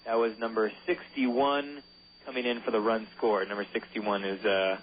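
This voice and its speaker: A man's voice: fairly low pitch, flat delivery, moderate pace. A man calling baseball play-by-play on local radio, loose and joking, sometimes stumbling over player names. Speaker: play-by-play announcer. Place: ballpark broadcast booth. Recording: phone-line quality with faint hiss.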